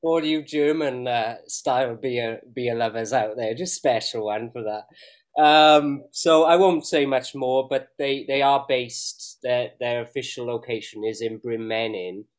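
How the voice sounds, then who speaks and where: A man's voice: mid-range voice, a little slow. A man co-hosting a beer review show, chatty and jokey, often laughing. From Wales. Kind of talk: casual banter.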